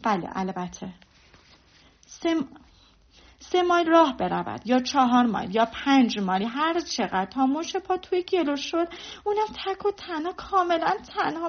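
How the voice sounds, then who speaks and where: A woman voicing a sneering snobbish young lady. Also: high voice. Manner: mocking, scornful. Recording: dull lo-fi recording.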